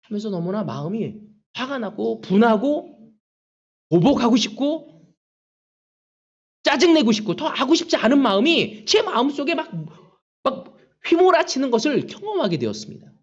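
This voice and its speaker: Male pastor, high voice, dramatic sermon style, lo-fi church recording. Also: big pitch swings, normal speed, long pauses. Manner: preaching with acted-out prayers and quoted taunts. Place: church sanctuary.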